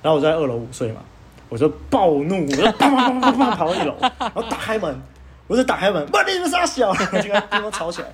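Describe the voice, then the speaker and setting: A young man, hosting a podcast and telling a story in casual chat, animated and laughing as he goes. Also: sits high, fast talker, crowd noise. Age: young adult. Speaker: podcast host.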